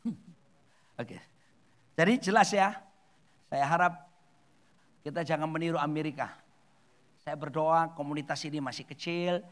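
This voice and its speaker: A male pastor preaching a sermon in a church, shifting between loud exclamations and soft, quiet asides. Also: a little high, unhurried, long pauses. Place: church hall.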